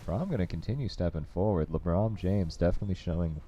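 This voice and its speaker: Deep mellow male esports caster. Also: fast, lo-fi sound, a little hiss or hum. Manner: steady analytical play-by-play, coaching asides. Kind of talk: play-by-play game commentary.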